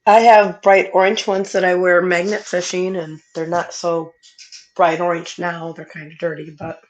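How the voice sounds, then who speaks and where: A middle-aged woman chats casually with viewers as a livestream guest, her voice squeaky and congested from a sinus infection. Her pitch sits a little low for a woman and barely moves, at normal speed, on a rough recording.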